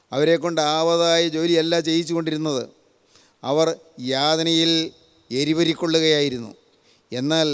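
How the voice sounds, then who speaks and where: Solemn older preacher in echoing hall. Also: male voice, fairly high pitch, smooth. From Kerala, India. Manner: solemn, repetitive, builds lists of parallel phrases. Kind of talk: sermon. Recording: long hall reverb.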